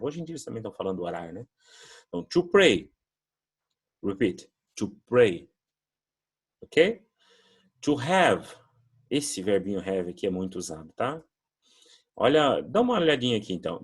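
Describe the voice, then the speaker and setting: A man's voice: fairly low pitch, husky. A Brazilian man teaching an English lesson, patiently explaining words and modelling pronunciation drills. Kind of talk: recorded classroom lesson.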